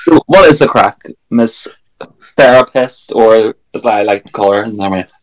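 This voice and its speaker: A man's voice: lowish voice, moderate pace, poor audio. A man hosting a podcast, chatting casually and teasing his guest with playful banter. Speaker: podcast host. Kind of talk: casual chat.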